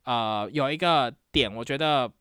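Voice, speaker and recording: A woman from Taiwan, hosting a podcast and telling her dating stories in a casual, animated, exclamatory way, with English words mixed in. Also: a bass voice, measured pace, clear, resonant tone, no echo, clean studio sound. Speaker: podcast host. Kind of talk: casual storytelling.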